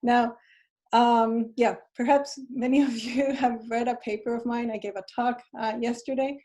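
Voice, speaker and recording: A woman's voice: fairly high pitch, fairly even intonation, moderate pace, dark tone. A woman from Chile, a physics professor, giving a friendly talk on a video call with light laughs between points. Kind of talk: presentation over video call. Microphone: computer mic on a video call.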